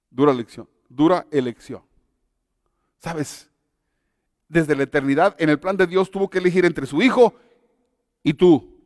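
Male preacher in his fifties, high voice, sermon delivered with emphatic pauses and frequent restarts, dry close sound with a long hall tail. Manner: retells a story with emphatic pauses and repetition; stammers and restarts often.

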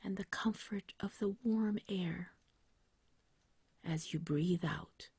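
Breathy, whispery woman guiding slow meditation like sleep narration. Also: medium pitch, no echo. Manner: soothing, gentle, unhurried with long pauses. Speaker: meditation guide.

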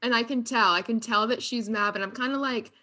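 A woman co-hosting a chat show, telling her side of a trip story in an animated way and laughing often. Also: on the high side, brisk.

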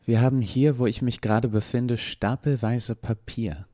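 A man's voice: mid-range voice, steady tone, moderate pace, dark tone, pitched above the performer's own voice, close to an everyday voice. A man voicing a brusque, sarcastic woman professor who speaks in a clipped, commanding way.

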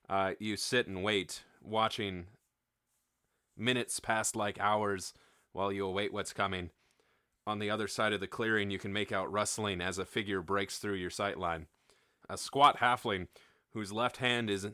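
A man narrating a tabletop game as game master, relaxed, with frequent fillers. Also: fairly low pitch, moderate pace, no room sound, studio quality.

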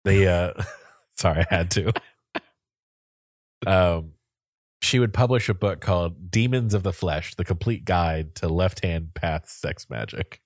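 A man's voice: sits low, unhurried, pauses often, no room sound, studio quality. A young man hosting a casual podcast chat, rambling with lots of fillers and frequent laughter. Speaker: podcast host.

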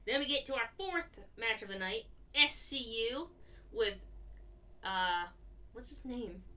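A woman's voice: a little high, lively intonation, measured pace, sharp tone, recorded from a distance. A woman co-hosting a podcast in casual, profane, sarcastic chat, laughing often. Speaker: podcast co-host reviewing wrestling.

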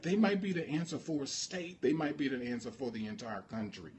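Male pastor, fervent sermon, call-and-response preaching, mid-pitched voice. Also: big pitch swings, a little fast, a little mellow. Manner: impassioned, call-and-response with congregation.

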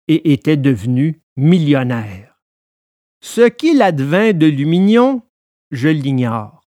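A man narrating a storybook in an expressive, lively way. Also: on the high side, dry recording, clean studio sound.

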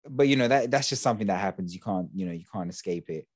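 A man's voice: low voice, animated, fast talker, a little mellow, no echo, clean studio sound. A young man, hosting a podcast in casual, slangy chat. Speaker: podcast host.

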